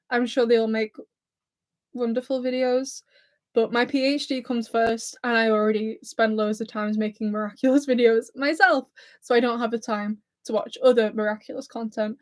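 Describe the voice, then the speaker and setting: At a normal speed and with fairly even intonation, this woman speaks in a voice on the high side. A YouTuber in her twenties from near Blackpool, England, she mixes Lancashire and Scouse in her accent, giggling nervously on a live stream while reading what viewers write.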